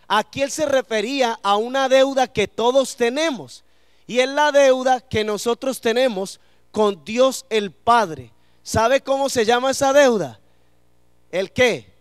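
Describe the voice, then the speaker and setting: A man's voice: very high-pitched, smooth, no room sound. Guy preaching in church, asks the crowd questions, clean dry sound. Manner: asks the congregation questions and lets them answer. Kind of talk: sermon. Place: church before a congregation.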